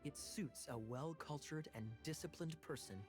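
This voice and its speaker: A man's voice: on the high side, normal speed, music in the background, close to an everyday voice. Man voicing a suave sarcastic game knight. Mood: sly. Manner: smooth, teasing.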